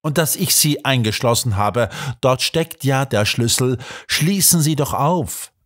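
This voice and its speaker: A man voicing a calm, mildly mocking male doctor, the detective's friend. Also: medium pitch, unhurried. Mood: amused.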